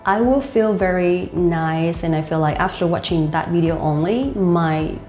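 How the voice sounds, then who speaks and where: Here the host and life coach sounds lowish and darkish, moving a little slowly. She's a young woman with a Vietnamese accent, giving easygoing speaking tips peppered with "like." The recording has a roomy feel and quiet background music.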